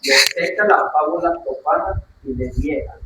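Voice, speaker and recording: A man with a somewhat high voice reads scripture aloud in a quiet, hesitant way. The recording is echoey and dull, with steady noise behind him. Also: moderate pace. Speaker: class member reading verses.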